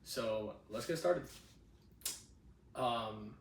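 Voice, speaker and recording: A man's voice: lowish voice, lively intonation, very slow, vocal fry, reverberant, far from the mic, slight background noise. A man in his twenties, born in Cuba, chatting casually on a home podcast with a handheld mic in a spare bedroom. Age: 20s. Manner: laid-back, chatty, frequent "you know what I'm saying". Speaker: podcast host. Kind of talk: casual personal storytelling.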